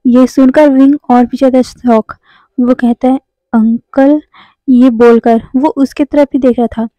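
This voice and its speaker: A woman's voice: sits high, flat delivery, moderate pace, dark tone, no echo, low-quality recording. A woman narrating a serialized story in a casual, conversational way, mixing in English words and correcting herself as she goes.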